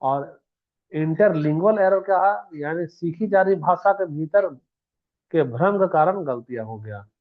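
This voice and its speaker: A male teacher gives an exam-prep lecture in a slightly high voice. He keeps asking the class questions and then answers them himself. The sound is thin and phone-like. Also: animated, measured pace.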